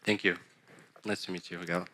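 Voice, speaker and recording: Deep-voiced man hosting a design workshop. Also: flat delivery, normal speed, pushed and bright. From Morocco. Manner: hesitant, many fillers. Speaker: workshop host, head of design. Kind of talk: workshop presentation. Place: conference workshop room.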